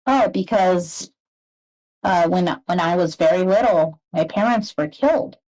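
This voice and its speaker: Woman as a hesitant, slow-spoken bereaved woman. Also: fairly low pitch, darkish tone, rough recording. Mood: guarded. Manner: halting, hesitant. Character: bereaved horned woman who runs an orphanage, hesitant.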